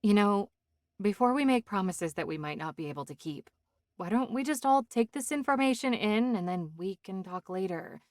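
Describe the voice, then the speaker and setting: A man voicing a young pregnant woman in an audiobook, soft and shaky at times, then firm and scolding. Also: extremely high pitch, lively intonation, normal speed, no echo, clean studio sound, voice pushed up. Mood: apologetic. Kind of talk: audiobook character voice.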